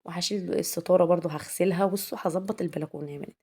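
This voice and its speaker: A woman's voice: fairly low pitch, fairly even intonation, very fast, dark tone, husky. A young woman with an Egyptian accent, chatting casually in a home vlog, talking straight to her viewers as girls and asking their opinion. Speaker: homemaker vlogger.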